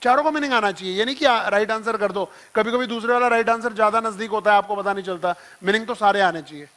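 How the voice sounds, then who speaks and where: A man's voice: high voice, fast talker, pushed and bright. A man with an Indian accent teaching vocabulary in a classroom, explaining words through playful examples and little acted-out scenes, switching between Hindi and English.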